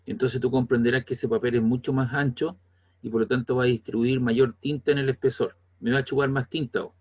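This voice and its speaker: A man's voice: mid-range voice, little pitch movement, brisk, husky, muffled recording. A man with a Chilean accent giving a classroom lecture in a conversational way, often checking whether the students follow. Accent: Chilean Spanish. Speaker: teacher.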